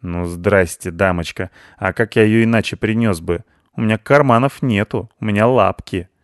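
A man voicing a boastful, scrappy red village tomcat who talks in a rough, folksy way. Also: on the low side, normal speed, no echo, clean studio sound, close to an everyday voice.

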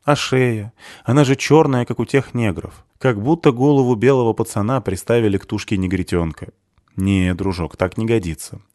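Guy reading as a rough old soldier type, dry mocking talk, low voice, close dry sound. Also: normal speed, a little mellow, no echo, lightly acted. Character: gruff sardonic man, ex-soldier, caring for a boy. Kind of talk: audiobook character reading.

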